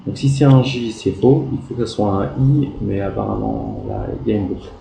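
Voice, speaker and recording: Guy teacher going over homework, dark gravelly voice, spells letters out slow, echoey room. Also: on the low side. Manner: spells out letters, slow and patient, gentle praise. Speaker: primary school teacher. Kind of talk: correcting pupils' written exercises aloud. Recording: echoey room with faint background noise.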